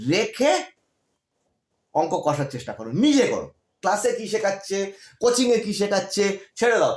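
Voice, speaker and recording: A man's voice: sits high, a little mellow, echoey room. A man who tutors school students online, giving encouraging study advice and checking in with "ঠিক আছে?" as he repeats his points.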